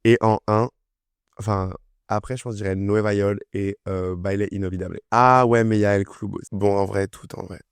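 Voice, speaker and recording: Chatty young man with a low voice. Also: steady tone, brisk, clear, resonant tone, no echo. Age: young adult. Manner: enthusiastic, chatty, full of fillers. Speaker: music review vlogger. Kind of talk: casual chat.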